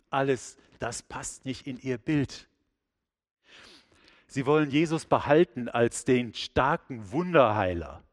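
A man narrating a meditative sermon in a slow, reflective, measured way. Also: medium pitch.

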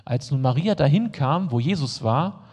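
A man's voice: on the high side, animated, normal speed, a little mellow, slightly rough, long reverb tail. A man preaching a sermon, reading scripture aloud and breaking off to explain it in casual, plain words to his congregation. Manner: reads the text, then adds casual plain-spoken asides to the congregation.

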